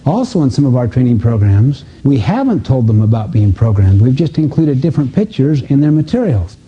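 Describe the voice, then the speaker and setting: Speaking fairly fast in a sing-song, mid-range voice with a breathy edge, a man leads a live self-help seminar as a motivational teacher. Before an audience in a seminar room, he teaches emphatically through acted-out dialogues and rhetorical questions. The recording comes across dull and muffled, lo-fi.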